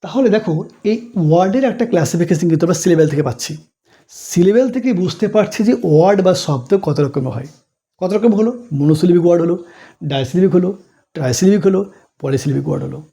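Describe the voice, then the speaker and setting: A man teaching a basic grammar lesson, explaining slowly, asking questions and answering them himself, and recapping points in lists. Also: high voice, animated, warm tone. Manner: recaps points in a repetitive list. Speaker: English teacher.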